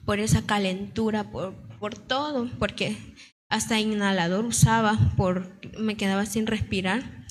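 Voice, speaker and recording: A woman's voice: on the high side, slight background noise. A young woman from a church giving an earnest testimony to her congregation, repeating herself as she tells it, her throat still sore. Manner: earnest, repetitive storytelling. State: sore throat, slight cough.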